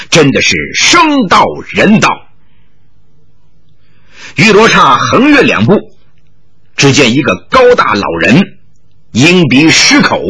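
A man's voice: a little high, pushed and bright, husky. A man narrating a martial arts novel in a dramatic, vivid storytelling style.

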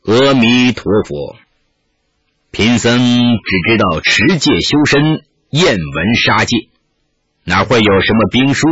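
Man doing a gentle old monk, slow and low, pretty husky, muffled audio. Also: lively intonation, no echo, full character voice. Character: calm, merciful male Buddhist monk, older.

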